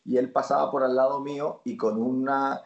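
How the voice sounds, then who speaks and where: Colombian man, lively storyteller, echoey room. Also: mid-range voice, normal speed, vocal fry, highs cut off. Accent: Colombian Caribbean. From Colombia, Barranquilla. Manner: animated storyteller, laughs while acting out lines. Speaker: actor guest. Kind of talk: casual interview chat.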